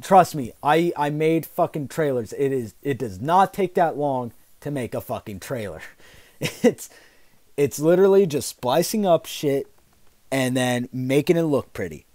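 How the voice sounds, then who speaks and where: A man's voice: medium pitch, animated, a little slow, dark tone, no room sound. A man doing a live gaming commentary, ranting in exasperated rage with heavy swearing. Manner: raging, exasperated gamer ranting; heavy profanity. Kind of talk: live commentary rant, casual chat.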